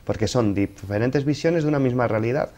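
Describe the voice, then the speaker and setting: A man's voice: medium pitch, fairly quick, a little mellow. A man from giving relationship advice in an interview, explaining things didactically through examples.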